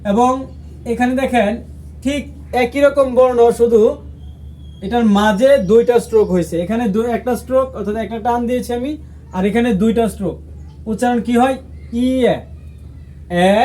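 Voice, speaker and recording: A man from Bangladesh teaching a language lesson, slowly and patiently repeating each sound for his viewers. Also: extremely high pitch, mellow, slight background noise. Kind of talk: lesson explaining how to say letters.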